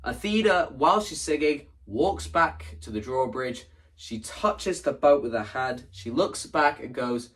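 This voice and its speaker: On the high side and fairly bright, this man's voice is expressive and measured as he explains his own stage play on video. Casual and enthusiastic about his creative ideas, he speaks emphatically, repeating phrases often to drive points home.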